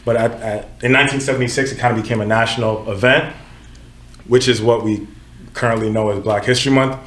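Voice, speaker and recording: A fast-talking podcast host from Nigeria, in his twenties, speaks in a steady, somewhat bright mid-range voice in an echoey room. He runs a casual group show, chatting conversationally with frequent self-corrections and plenty of "you know what I'm saying."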